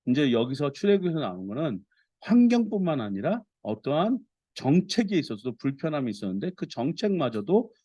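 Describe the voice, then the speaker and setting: A man preaching a Sunday sermon as a pastor, earnest and expressive, reading scripture aloud with feeling. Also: mid-range voice, dry recording.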